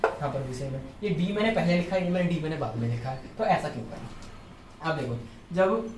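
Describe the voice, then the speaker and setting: A man's voice: a little high, animated, fairly quick, background noise. A male chemistry teacher giving a classroom lecture, explaining step by step and checking in with his students as he goes. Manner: explains step by step, keeps checking with "theek hai". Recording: echoey room, mic at a distance.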